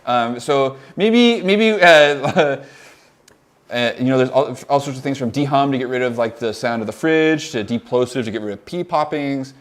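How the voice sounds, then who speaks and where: This young man with a Californian accent, an audio mentor, speaks at normal speed with a medium-pitched voice while casually demonstrating audio software on a live stream. His talk is an excited ramble peppered with "like" and laughter.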